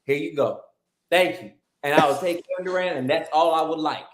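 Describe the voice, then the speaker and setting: Animated, profane man in an echoey room. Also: on the high side, fairly quick, slight background noise. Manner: animated, profane, joking rants. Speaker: guest. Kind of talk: casual sports podcast chat. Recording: roomy echoey sound.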